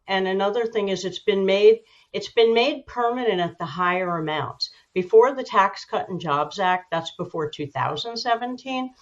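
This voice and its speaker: A woman giving measured, informative, slightly halting explanations as an expert guest in a broadcast interview. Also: on the low side, muffled recording.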